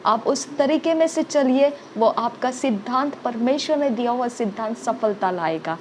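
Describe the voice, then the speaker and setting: A woman preacher delivers a sermon in a fairly high voice, driving her points home with repetition and frequent "okay?" checks. Faint ambient noise sits under her voice. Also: expressive, moderate pace.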